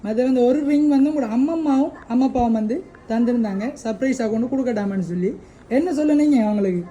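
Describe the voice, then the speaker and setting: A woman's voice: on the high side, quick pace, warm tone, dull audio, a little hiss or hum. A woman hosting a birthday surprise delivery, coaxing a child with repeated questions.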